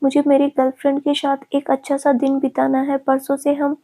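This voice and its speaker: A woman voicing a doting young man who speaks tenderly and jokes gently with his fiancée, in a storybook reading. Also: high-pitched, completely flat delivery, fairly quick.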